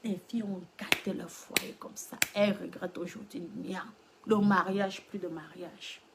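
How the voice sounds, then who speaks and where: A woman giving advice to her followers in a live-stream monologue, swinging between loud exclamations and hushed whispers. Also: fairly low pitch, fairly even intonation, normal speed, creaky, heavy background noise. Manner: addresses listeners as girlfriends, lecturing tone.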